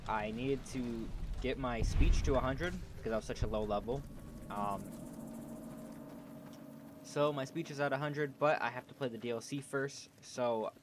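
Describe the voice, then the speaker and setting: A man talking casually over livestream headset audio as he plays a game, rambling and thinking aloud. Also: mid-range voice. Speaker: streamer. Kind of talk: casual gaming livestream commentary. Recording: clear background noise.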